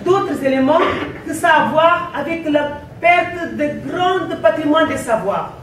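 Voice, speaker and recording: A woman from Guinea-Bissau with a foreign accent in her French, giving a conference talk in a deliberate, emphatic way with repeated phrases. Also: high voice, lively intonation. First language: not French. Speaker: conference presenter. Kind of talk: impassioned public talk in French as a second language. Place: indoor conference room. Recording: very echoey hall, distant mic, faint noise.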